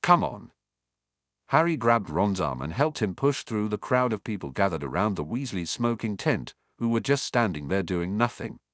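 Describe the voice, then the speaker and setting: A man narrating a fan fiction audiobook with expressive storytelling. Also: on the low side, normal speed, hardly any pauses, no room sound, clean studio sound.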